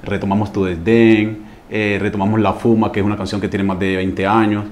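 A man's voice: on the low side, level tone, brisk, darkish tone, slight background noise. A man from Colombia, a salsa orchestra singer, answering interview questions hesitantly with many fillers.

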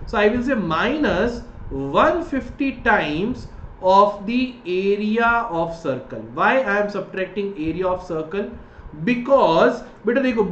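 A man in his thirties with a North Indian accent teaching maths in an explanatory way, often checking understanding with short questions. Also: high voice. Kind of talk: explanatory online lesson mixing English and Hindi. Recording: roomy echo, dull sound, faint noise.

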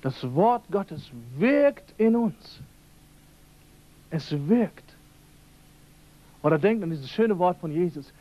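A man with a high voice preaches at a church seminar, emphatic and direct, hammering key phrases home. The sound is an old, dull tape recording, like from the radio. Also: animated, takes it slowly, long pauses. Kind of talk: sermon.

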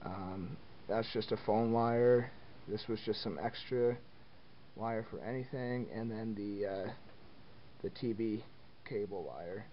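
Filming his indoor basement, a hobbyist gives an easygoing walkthrough of his home phone wiring, talking slowly and plainly in a fairly low voice full of ums and uhs. He's off screen behind a handheld camera, recorded as dull, lo-fi audio with faint hiss.

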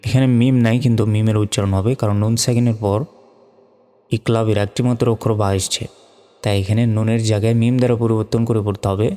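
A man with a Bangladeshi Bengali accent teaches Quran reading, spelling out letters and vowel marks syllable by syllable in an unhurried, even way. His voice is low, mellow and smooth. It rings with a long hall reverb over faint background music.

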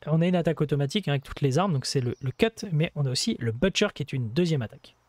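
A man's voice: a little high, expressive, rapid-fire, darkish tone, no echo. Chatty man explaining a game. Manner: chatty, explanatory, many hesitations and asides. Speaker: gameplay video host. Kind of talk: casual gameplay commentary explaining a game.

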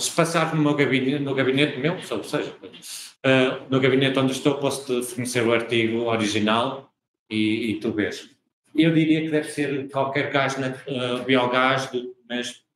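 A man's voice: medium pitch, a bit bright, slight background noise. A man from Portugal with a European Portuguese accent, giving an academic seminar talk and often restarting his phrases as he thinks aloud. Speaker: guest lecturer. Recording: echoey room, from far off.

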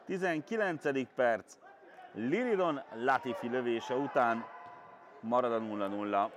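A man giving live, excited football commentary that rises into exclamations at chances. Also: mid-range voice. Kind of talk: live Hungarian sports commentary. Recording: steady outdoor stadium noise. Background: outdoor stadium ambience.

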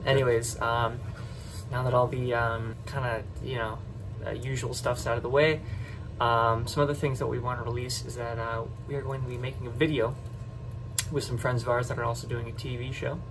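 A man's voice: mid-range voice, little pitch movement, brisk, background noise. Rambling young man announcing band news. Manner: loose, rambling, many fillers. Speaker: band member, video host. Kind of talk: casual announcement chat.

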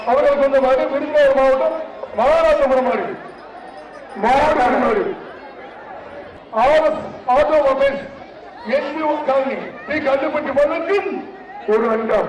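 A man announcing a live bull-taming event through a megaphone, shouting repeated cheers, urging the riders on and counting aloud. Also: very high voice, a little slow, pauses often, far from the mic, noisy background. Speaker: bullfight announcer. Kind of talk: live event commentary over a PA. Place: outdoor arena. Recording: echoey loudspeaker audio from afar, loud crowd. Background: loud cheering crowd.

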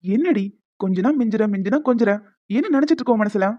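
A woman voicing a young man in an animated cartoon, an affectionate, teasing fiancé who coaxes and reassures his bride-to-be. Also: fairly high pitch, quick pace, lo-fi sound. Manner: playful, coaxing, reassuring.

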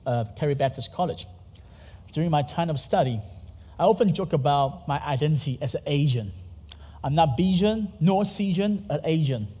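The preacher, a Taiwanese man, speaks earnestly and gestures through his sermon in a hall whose long reverb trails each phrase. His voice leans high, warm and husky, and dark curtains frame the church stage.

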